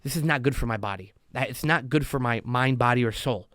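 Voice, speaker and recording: A man in a casual podcast chat, mid-pitched and talkative. He slips into the voices of the people in his stories as he goes. The sound is dry and close to the mic. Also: fairly quick, dry recording. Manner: animated storyteller, acts out quotes. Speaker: podcast guest, loan officer. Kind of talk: casual conversation.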